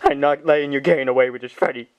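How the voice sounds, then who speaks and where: A man voicing a hot-tempered female plush chick in a comedy puppet skit, yelling accusations. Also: medium pitch, fairly even intonation, fast talker, smooth, lightly acted. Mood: accusing.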